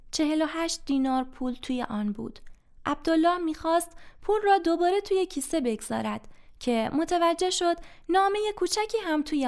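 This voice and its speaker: A woman narrating a storybook tale in a calm, steady reading voice. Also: high voice.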